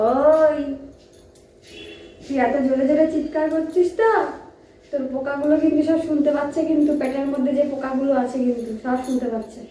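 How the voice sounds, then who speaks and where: A mother with a high voice urges her daughter up again and again, teasing her all the while. The voice comes from far off in a very echoey room. A faint noise hangs behind it. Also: a little mellow. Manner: coaxing, teasing, repeats urgings over and over. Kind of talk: casual home talk to a child. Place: home bedroom, indoors.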